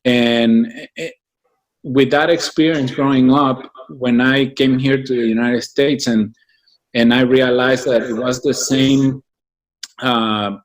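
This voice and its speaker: Speaking at a medium pitch with fairly even intonation, this guest from Mexico answers interview questions about the business association he founded. He is halting and reflective, often using fillers and starting sentences over.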